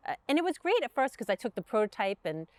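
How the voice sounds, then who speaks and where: A woman's voice: a little high, sing-song, quick pace, a little mellow, no echo. A woman with a Brooklyn accent, guest on an interview, telling her business story in earnest, chatty talk full of fillers. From Brooklyn, New York. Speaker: guest entrepreneur. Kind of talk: casual interview chat.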